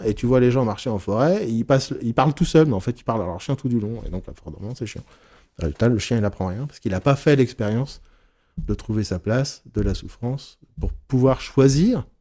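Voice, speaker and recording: A man leading a casual teaching session for therapists, frank and animated, swearing casually and acting out his examples. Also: mid-range voice. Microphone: recorded live session, on YouTube.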